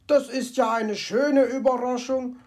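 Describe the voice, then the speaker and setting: Storybook fox gentleman, chatty and self-talking, gravelly edge; woman reader puts him on. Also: on the high side, measured pace. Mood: delighted. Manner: chatty, talks to himself, comic grumbling. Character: cheerful fussy male fox, Herr Fuchs. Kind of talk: storybook character voice.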